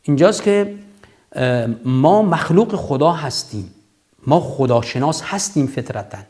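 A man's voice: on the high side, lively intonation, a little mellow. A man in his fifties hosting a religious call-in show, explaining in a didactic, emphatic way with repeated phrases, on a lapel mic in a studio. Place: TV studio, seated at desk.

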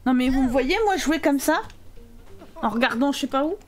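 A woman's voice: high-pitched, brisk, a little mellow, faint music behind. A woman streamer giving live gameplay commentary, chatting with viewers in a teasing, sarcastic way.

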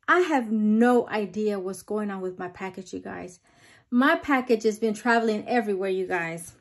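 A woman talks casually to her viewers in a budgeting vlog. Her voice sits a little high. She is slightly out of breath and keeps saying "you guys.". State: a bit out of breath. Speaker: budgeting vlogger. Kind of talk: casual chat to camera.

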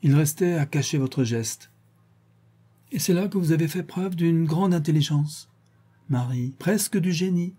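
A man reading an audiobook, voicing a stern, shrewd woman who questions her servants in a measured, deliberate way. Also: fairly high pitch, warm tone, husky, voice pushed up. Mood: cold.

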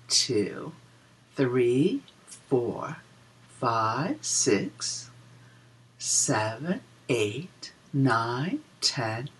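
A woman reads a children's counting book aloud, slowly and with lots of swooping pitch. Her voice is a little husky, and she explains things in a deliberate, sing-song teaching manner. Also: a bit bright, rough recording. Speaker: children's story reader and teacher. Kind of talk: picture-book read-aloud with counting for preschoolers.

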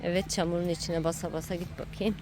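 Outdoors on a playground, a woman films a child at play and cheers them on, her running commentary casual, playful and teasing. Her voice sits on the low side with a level tone and a quick pace, and the home video is noisy.

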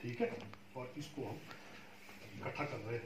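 Speaking at a moderate pace with lively intonation and a medium pitch, this beekeeping trainer patiently walks a group of farmers through the craft, often checking that they follow. He's recorded far from the mic in an echoey room.

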